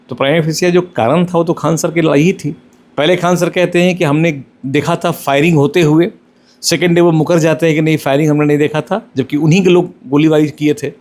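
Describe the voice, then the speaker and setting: A middle-aged male lawyer answering interview questions, explaining step by step in a measured way and mixing in English legal terms. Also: on the high side.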